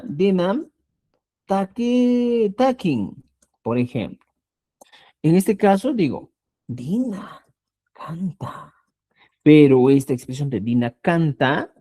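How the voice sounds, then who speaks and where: Woman, language teacher, live online lesson, low mellow voice, lively pitch swings, slow, patient, checks in often. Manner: patient explaining, keeps checking with "¿ya?"; stresses example words and repeats them slowly.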